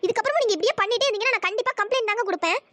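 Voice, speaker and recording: A fiery young college woman who scolds in a squeaky, rapid-fire cartoon voice, as a performer puts her on. She is exasperated and sharp with everyone, and the sound is close and dry with no room around it. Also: no room sound. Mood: irritated. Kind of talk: cartoon storytelling dialogue.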